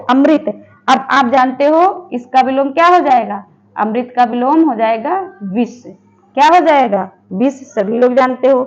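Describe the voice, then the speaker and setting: A woman teaching a Hindi lesson for exam preparation. She asks her students questions, answers them herself and repeats each word slowly. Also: high-pitched, muffled recording. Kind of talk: online exam-prep lesson.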